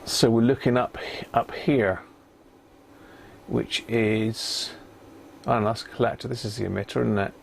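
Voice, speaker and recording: This livestreaming radio-repair hobbyist, a British man, talks to himself while he works, giving relaxed live commentary. His lowish voice is steady and a little slow, with vocal fry and long pauses, over slight background noise.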